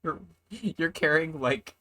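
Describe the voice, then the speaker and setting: A woman playing a tabletop game, halting and full of questions. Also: low voice, bright, forceful tone. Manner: halting, asks many questions. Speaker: player. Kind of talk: casual tabletop play.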